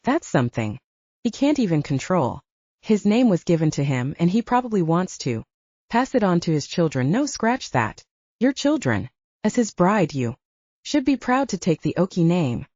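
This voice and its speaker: A woman narrator voicing a calm older sister who coaxes and gently teases. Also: lowish voice, normal speed, dry recording, highs cut off. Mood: coaxing. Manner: coaxing, gently teasing. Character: soothing, wry older sister.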